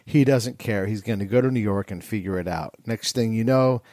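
A man's voice: lowish voice, fairly quick, darkish tone, no room sound, clean studio sound. A man filling in as host, reading a scripted podcast introduction in an upbeat announcer manner.

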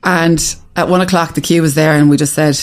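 A woman's voice: low-pitched, steady tone, fairly quick. A woman from the west of Ireland, with that region's accent, tells her story as an interview guest in a casual, emphatic way, often repeating phrases. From west of Ireland (Galway). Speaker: interview guest, restaurant founder.

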